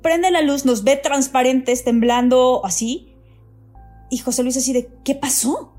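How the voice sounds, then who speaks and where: A woman recounting a frightening night in casual chat, animated and repeating words for emphasis. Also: sits high, a little slow, soft background music. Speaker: guest telling a paranormal experience.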